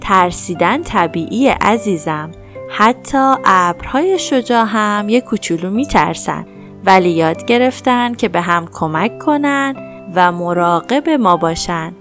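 A woman voicing a gentle, caring mother rabbit in a children's story, talking slowly and tenderly. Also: mid-range voice, lively intonation, soft background music, lightly acted. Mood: soothing. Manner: slow soothing tender.

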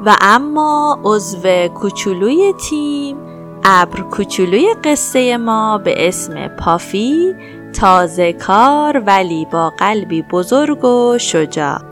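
A woman narrates a bedtime story for children in a gentle, storytelling manner. Her voice sits in a middle range, and soft music plays faintly behind her. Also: medium pitch, sing-song.

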